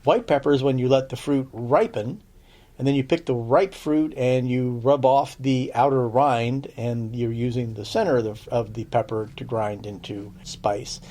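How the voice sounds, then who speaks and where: Male podcast herbalist, mid-pitched, mellow tone, chatty teacher with a dry edge. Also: fairly even intonation, moderate pace. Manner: chatty, checks in with "okay?"; dry sarcastic asides. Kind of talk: casual spoken lesson.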